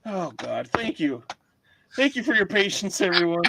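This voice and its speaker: A man's voice: high-pitched, very animated, moderate pace, gravelly, very noisy. A middle-aged man with a Wisconsin accent, co-hosting a casual comedy chat on a video call, flustered and self-mocking and laughing along. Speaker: podcast co-host.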